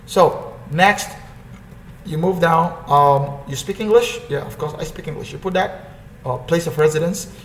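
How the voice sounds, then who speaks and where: A man with a fairly high voice hosts an online earning tutorial, casually walking through a screen share. He rambles, corrects himself, and keeps restarting and repeating phrases, while his voice echoes in the room over a faint hum.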